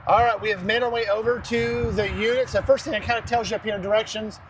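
A man's voice: high voice, steady tone, quick pace. A man co-hosting an outdoor vlog at a charging station in an upbeat way, often putting questions to his partner. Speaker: co-host.

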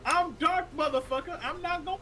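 A man's voice: extremely high pitch, normal speed, bright, forceful tone, a little hiss or hum. A man joking around defensively with friends during a game stream. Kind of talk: casual banter.

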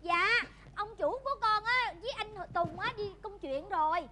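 Chatty southern vietnamese shop girl, super high, bright voice. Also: normal speed, slight background noise. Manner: chatty and polite. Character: cheerful young female shop worker. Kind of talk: TV comedy sketch acting.

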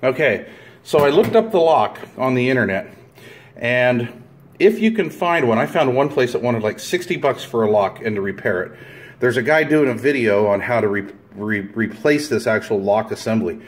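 A man talking through a hands-on repair tutorial in a rambling, plain-spoken way, full of fillers and restarts, filming close-up at a table indoors. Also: mid-range voice. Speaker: DIY video maker.

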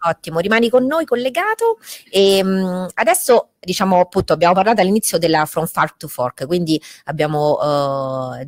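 A woman's voice: low-pitched, no echo. A woman in her forties moderating a convention from an office studio, speaking into a desk microphone with frequent hesitations. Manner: warm, hesitant, many fillers. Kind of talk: hosting a video-linked convention.

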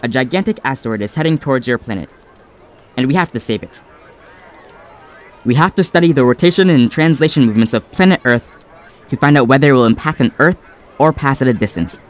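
Robot voice space commander played by a guy, terse and bossy, mid pitch, cartoon style. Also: expressive, a little fast, pauses often. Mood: commanding.

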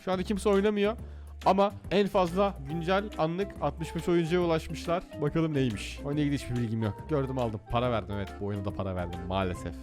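A man commentating as he plays computer games, excitable and jokey, often shouting at the game. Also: a little high, quick pace, over music. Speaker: gaming YouTuber. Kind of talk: let's play commentary.

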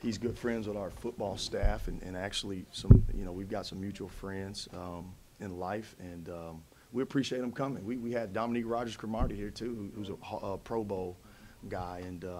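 Casting: low-voiced male coach in his 30s, calm and measured post-game answers, table mic, faint background hiss. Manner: measured, many fillers and restarts. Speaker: head basketball coach. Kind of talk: post-game press conference. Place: press conference room in front of a backdrop. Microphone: table mic in front of him.

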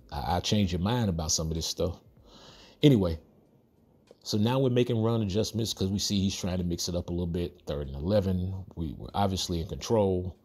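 A man's voice: sits low, normal speed, a little mellow. A man hosting a football video game tutorial, giving casual commentary over his own gameplay with cocky, playful trash talk and chuckles.

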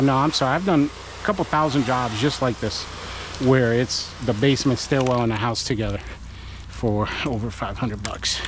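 Guy talking through a pressure wash job outside, easygoing coach vibe, loud outdoor noise and cars going by. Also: medium pitch. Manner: chatty, encouraging, talks to viewers while working. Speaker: pressure washing business owner and channel host. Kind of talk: casual work vlog with coaching. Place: outdoors at a house being washed. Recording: noisy outdoor recording.

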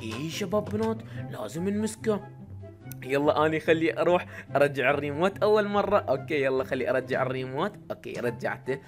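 يوتيوبر عراقي سريع الكلام. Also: male voice, fairly high pitch, expressive, faint music behind. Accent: Iraqi Arabic. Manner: fast, playful, addressing viewers directly. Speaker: YouTuber narrating as the cat. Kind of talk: Minecraft machinima narration to viewers.

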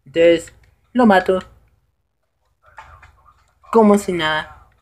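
A man giving casual live commentary over his own gameplay, excitable and prone to high shouts when things go wrong. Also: extremely slow.

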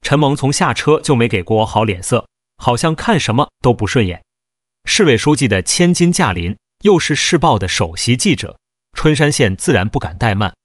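A man tells a long first-person story in a steady, even storyteller's read. His voice sits at a middle pitch. The recording is close and dry, with no room sound. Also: normal speed, no room sound. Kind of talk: first-person novel narration.

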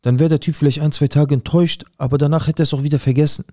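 A man's voice: fairly high pitch, fairly even intonation, very fast, dark tone, no echo, studio quality, voice pushed up, natural voice. A man voicing an exasperated uncle who scolds in a heated, incredulous tone.

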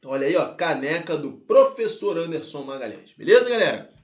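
A Brazilian man teaching a grammar lesson online in a lively way, calling out to his students and spelling letters out slowly. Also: on the high side, reverberant. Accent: Brazilian Portuguese. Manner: lively, addresses viewers as "galera" and "pessoal", spells letters out slowly.

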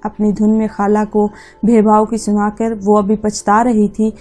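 A woman telling a storybook tale in a mellow, dark voice, with an even, measured delivery. Faint music plays beneath her reading. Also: medium pitch. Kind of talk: scripted narration.

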